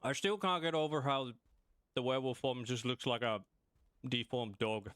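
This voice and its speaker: A man's voice: mid-range voice, moderate pace, fairly bright tone, clear, resonant tone, dry recording, clean studio sound. A man chatting casually to himself as he plays a video game on stream, with mumbled asides. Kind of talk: casual gameplay commentary.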